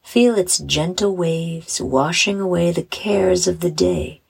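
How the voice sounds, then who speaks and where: A woman guiding a bedtime meditation like a sleep story narrator, in a soft, soothing, hushed voice with breathy phrase endings. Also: fairly low pitch, takes it slowly, poor audio. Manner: soothing, hushed, gentle delivery with breathy trailing phrase ends. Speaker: host and meditation guide.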